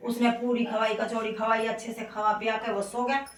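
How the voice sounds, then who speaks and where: A woman with a Haryanvi accent narrating a traditional fast-day folk tale in a lively, repetitive oral storytelling style. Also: fairly high pitch. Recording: echoey, distant, noisy room.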